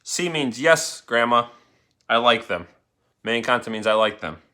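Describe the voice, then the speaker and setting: Bright-voiced male teacher reading to class. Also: medium pitch, expressive, normal speed. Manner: coaxing students to keep up, calling names. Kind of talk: reading a story aloud to a class.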